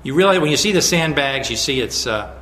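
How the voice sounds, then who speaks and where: A man giving a public lecture with slides, in a measured, emphatic way with frequent restarts and fillers. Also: medium pitch, lively intonation, pushed and bright, roomy sound, slight background noise.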